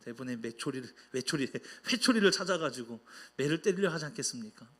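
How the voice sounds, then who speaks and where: A man's voice: medium pitch, animated, quick pace, a bit bright. A man preaching a sermon at a midweek church service, acting out the voices he quotes. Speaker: pastor.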